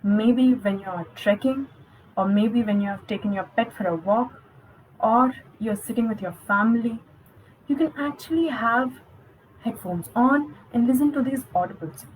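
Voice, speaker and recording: A young woman coaches viewers through a spoken lesson. Her voice sits a little high, and she keeps an instructive, encouraging tone throughout. A faint hum of background noise sits under her speech. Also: moderate pace, rough recording. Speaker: spoken English skills coach. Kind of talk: online lesson.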